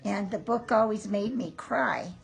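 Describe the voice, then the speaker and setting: An older woman, a sweet, affectionate grandmother, reading a picture book aloud to a small child in an unhurried, homely way. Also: medium pitch, vocal fry, faint music behind. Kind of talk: homely storybook read-aloud with asides to a child.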